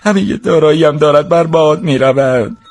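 A man's voice: fairly high pitch, darkish tone, voice pushed up, natural voice. A man voicing an anxious young merchant. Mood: wistful. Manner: brooding inner monologue. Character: anxious young male merchant, worried and wistful.

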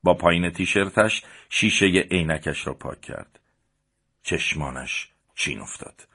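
Deep husky male storyteller. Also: expressive. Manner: reads plainly and shifts up in pitch and loudness for the characters. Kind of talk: audiobook narration voicing the dialogue.

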